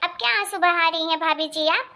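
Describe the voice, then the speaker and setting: A woman's voice: very high-pitched, fairly quick, sharp tone, exaggerated voice. Woman doing a sneering, spiteful young sister-in-law. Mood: scornful. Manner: sneering, accusing.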